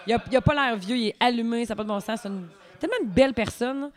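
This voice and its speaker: Fast-talking Quebec woman chatting. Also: fairly high pitch. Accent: Quebec French. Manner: inquisitive, chatty. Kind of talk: casual chat.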